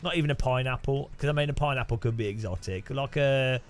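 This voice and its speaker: Commentating a sim racing live stream at a fast clip, a man with an English Midlands accent keeps up jokey, animated banter punctuated by sudden high-pitched outbursts.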